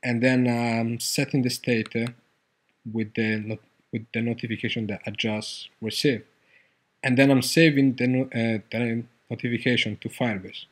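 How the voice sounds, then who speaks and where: Male tutorial host, casual coding walkthrough, mid-pitched, halting and filler-heavy delivery. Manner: loose, hesitant, many fillers and restarts.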